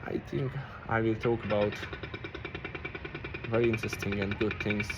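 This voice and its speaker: A Hungarian man, not a native English speaker, rambles reflectively in a vlog, thinking aloud and frequently stopping and restarting as he hunts for words. His voice is lowish and flat at a normal pace, and the muffled recording carries background noise from passing vehicles.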